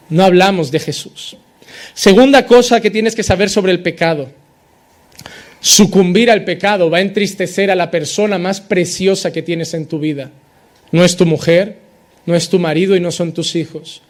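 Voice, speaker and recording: Pastor, male, very high voice, driving sermon cadence. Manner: preaches with rising insistent repetition, acting out quoted believers.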